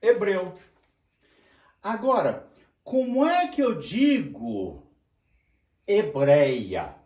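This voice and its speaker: Older man teaching slowly in an echoey room. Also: high-pitched, wildly swooping pitch, a little mellow, far from the mic, muffled recording. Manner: slow, repetitive, drawn-out explaining with frequent checks. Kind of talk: classroom lecture at a whiteboard.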